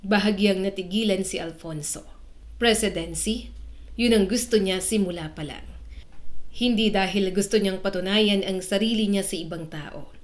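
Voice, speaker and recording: A woman telling a romance drama story in scripted, steady narration. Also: mid-range voice, moderate pace.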